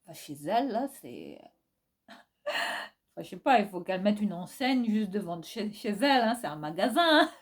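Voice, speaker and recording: A woman's voice: mid-range voice, very animated, normal speed. Woman, Réunionese accent, casual vlog Q&A, frank, chatty, teasing, laughs often. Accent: Réunionese French. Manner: chatty, frank and teasing, reads questions aloud then answers with laughs. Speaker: YouTuber answering viewer questions.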